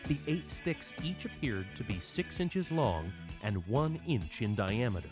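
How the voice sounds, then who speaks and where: Animated male podcast narrator over music. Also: mid-range voice, unhurried. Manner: dramatic, irreverent. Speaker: podcast host. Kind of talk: scripted history storytelling narration.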